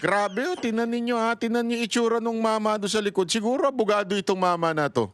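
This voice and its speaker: A man's voice: high voice, fast, very noisy. A male vlogger giving mocking, sarcastic political commentary, laughing often and taunting his opponents.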